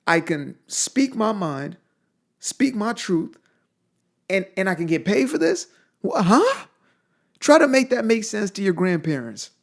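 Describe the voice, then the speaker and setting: Blunt young man with a higher voice. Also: big pitch swings, a little slow, vocal fry, pauses often. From Zimbabwe. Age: young adult. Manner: emphatic and blunt, with repeated phrases. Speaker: motivational speaker. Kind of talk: motivational monologue.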